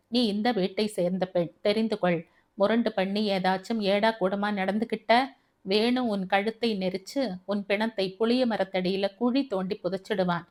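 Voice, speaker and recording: A woman's voice: mid-range voice, darkish tone, natural voice. A woman voicing a harsh, cruel older woman who scolds and threatens her captive.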